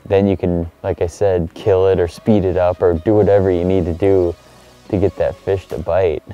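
Relaxed dark-voiced man fishing outdoors. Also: low-pitched, normal speed, highs cut off, faint music behind. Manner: relaxed, upbeat, excited exclamations when fish bite. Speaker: fishing video host. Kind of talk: casual on-the-water fishing tutorial. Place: outdoors on a kayak on a small lake.

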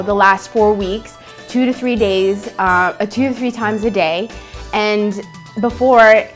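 Young woman's mid-pitched customer testimonial. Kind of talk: unscripted testimonial. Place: small furnished room indoors.

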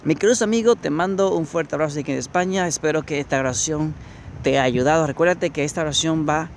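This thirties-aged motivational coach holds his phone camera while strolling a nighttime city promenade, talking straight to viewers in a preachy, repetitive walking vlog. He has a creaky voice pitched on the high side. Passing traffic and street sounds make the outdoor recording noisy.

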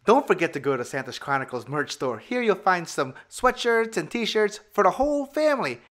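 A man's voice: high-pitched, sing-song, moderate pace, a bit bright, soft background music. A man hosting a family travel vlog, talking in an upbeat, chatty way outdoors to a handheld camera. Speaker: vlog host. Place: outdoors at a farm.

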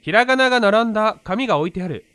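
Playing a horror game, this man talks to himself, reading screen text aloud and narrating every move in casual commentary. His high voice is animated, fast and sharp yet clean, and the recording is dry.

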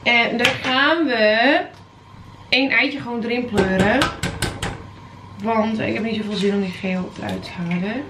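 A chatty young woman vlogging from her kitchen, talking straight to her viewers as she stirs and mixes. Her voice sits a little high, and the room rings back with echo over a faint hum of noise. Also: a little slow, long pauses. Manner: chatty, animated, addresses viewers as guys. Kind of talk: casual cooking vlog chat. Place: home kitchen.

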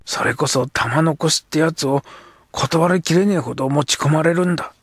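Guy doing a gruff sulky edo street kid, coarse slang, husky voice, storybook. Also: fairly high pitch, moderate pace, no room sound, studio quality, voice pushed up. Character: rough young Edo street boy, sulky. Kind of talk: audiobook character voice.

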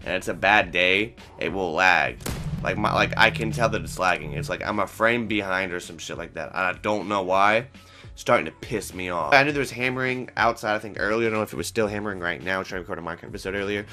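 This young man in his twenties, stuffed up with a cold, hosts casual gameplay commentary for his gaming channel from a small room at home via headset. The voice is low-pitched, bright, and forceful, and he rambles, curses often, and lets out frustrated bursts.

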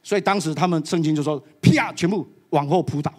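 A church elder preaching a sermon to a live audience, animated and slipping English phrases into his talk. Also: fairly high pitch, a little fast.

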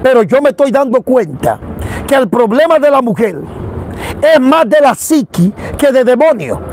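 Man, very high pitch, conversational storytelling preacher. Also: sing-song, normal speed, darkish tone, slight background noise. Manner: conversational, storytelling, mimics people he quotes. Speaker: apostle preacher. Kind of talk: informal preaching with anecdotes.

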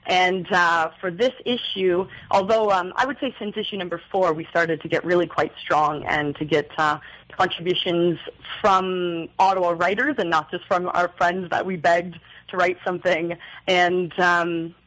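A young woman from New Brunswick, Canada, who works as a magazine editor, answers questions thoughtfully in a radio studio interview and also reads aloud, using many fillers and restarts. Her voice is lowish yet fairly bright, with fairly even intonation and a normal speed. The audio quality is poor.

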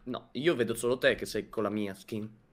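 A man in a comedic Minecraft role-play, complaining loudly and indignantly with squeals. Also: on the low side, normal speed. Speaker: gaming partner.

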